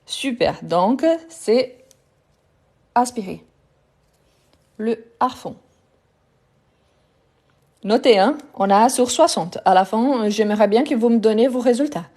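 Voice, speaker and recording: A woman's voice: on the high side, takes it slowly, pauses often, mellow. A woman teaching a live online French lesson, patiently repeating each word to drill pronunciation and speaking directly to her viewers.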